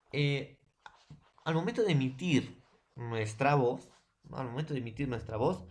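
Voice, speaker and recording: A man from Peru teaching a secondary school language class, explaining patiently and repeating his points, with frequent tag questions and fillers. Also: mid-range voice. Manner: repetitive, fills every phrase with tag questions and addresses. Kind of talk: recorded online class lecture.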